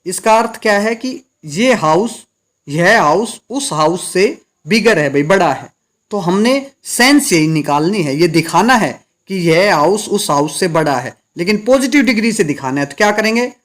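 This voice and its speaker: A man's voice: high-pitched, animated, normal speed, fairly bright tone. A man teaching an English grammar lesson, explaining step by step and answering his own questions. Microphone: recorded lesson video.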